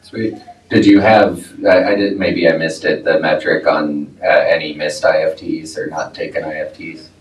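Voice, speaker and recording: A man's voice: very deep voice, level tone, moderate pace. A man chairing a board meeting in casual talk, joking and laughing often. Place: meeting room. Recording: echoey room, distant mic, faint noise.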